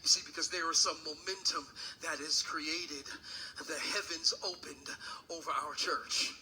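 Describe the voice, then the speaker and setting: A pastor preaching a sermon into a pulpit microphone in a church, moving from a hushed story to shouted preaching. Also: male voice, fairly high pitch, fairly even intonation, unhurried, rough recording. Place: church sanctuary.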